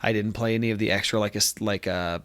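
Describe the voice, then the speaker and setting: A man's voice: on the low side, fairly even intonation, quick pace, a bit bright, smooth, no echo. A young man with a congested nose, chatting casually about a video game he played, rambling with lots of fillers and restarts. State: congested from allergies. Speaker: gaming video host. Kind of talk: casual talk to camera. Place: friend's apartment room.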